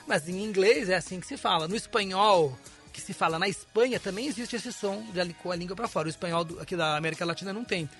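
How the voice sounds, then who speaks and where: A man's voice: high voice, fast talker, a bit bright, faint music behind. A man, an English teacher, explaining pronunciation as a guest on a radio interview in a studio. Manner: explanatory, demonstrates sounds.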